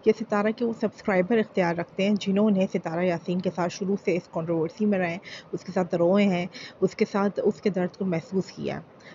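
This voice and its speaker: A woman's voice: mid-range voice, mellow, highs cut off, slight background noise. A woman giving heated, opinionated commentary as a reaction channel YouTuber, full of rhetorical questions and pleas. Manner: impassioned, rhetorical, pleading.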